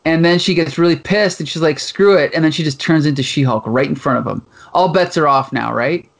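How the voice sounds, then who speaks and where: Animated Canadian man, fairly high voice. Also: fairly quick, vocal fry. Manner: animated, reads comic lines in playful voices. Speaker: podcast co-host. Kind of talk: casual chat retelling a comic.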